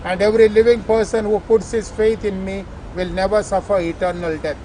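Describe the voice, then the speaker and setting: Man, high-pitched voice, priest, solemn measured graveside prayer, noisy outdoor recording with traffic. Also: steady tone, warm tone. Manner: measured, formal recitation. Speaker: priest leading funeral rites. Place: outdoors at a cemetery.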